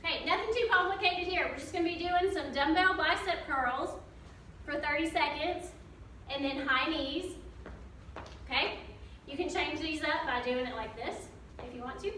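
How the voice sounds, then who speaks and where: A woman's voice: high-pitched, normal speed, pushed and bright. A woman coaching a workout as an aerobics instructor, giving informal, encouraging form cues. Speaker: fitness coach. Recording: very echoey room, distant mic, faint noise.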